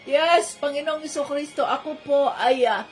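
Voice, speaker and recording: A woman's voice: high-pitched, moderate pace, faint music behind. A woman giving a casual Bible teaching, repeating phrases soothingly and mixing in English. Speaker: Bible study preacher.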